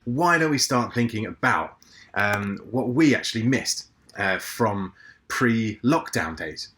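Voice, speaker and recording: A British man with a low voice and a bright, forceful tone, running a podcast news segment. He sounds enthusiastic, dropping wry asides between items. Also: lively intonation, slow, faint music behind. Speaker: podcast co-host reading the news.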